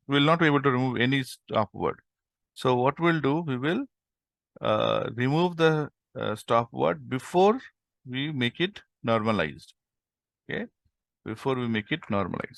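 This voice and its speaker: A man's voice: mid-range voice, vocal fry, no echo. A man teaching a live coding tutorial over an online call, explaining step by step with frequent "okay" and "right?". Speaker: instructor.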